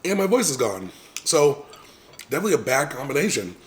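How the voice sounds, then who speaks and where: A vlogger casually tells viewers a long personal story, rambling with plenty of fillers and restarts and clearing his throat now and then. His medium-pitched voice has a sing-song quality and moves a little fast.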